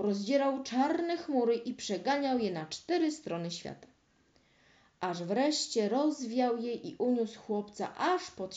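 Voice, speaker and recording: A woman reading a fairy tale aloud in slow, expressive storybook narration. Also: medium pitch. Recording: roomy, dull lo-fi recording.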